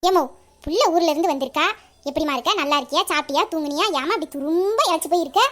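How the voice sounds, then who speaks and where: A woman's voice: high-pitched, fast talker, a bit bright. A woman plays a cheeky young woman back home after her hostel stay. She teases and complains playfully in a voice-acted family skit. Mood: whiny. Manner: playful, teasing, whiny complaints.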